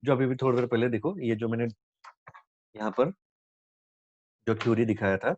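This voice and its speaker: A man's voice: mid-range voice, steady tone, normal speed, a little mellow. A man teaching physics in Hindi mixed with English terms, asking questions and answering them himself and tagging lines with "है ना". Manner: repeats "है ना" constantly, asks and answers own questions. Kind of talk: explaining problems on a board. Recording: dull lo-fi dry recording.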